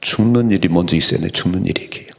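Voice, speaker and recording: A man's voice: low-pitched, racing, vocal fry. A man preaching an early-morning prayer sermon as pastor, earnest, lifting his voice when he acts out quoted lines.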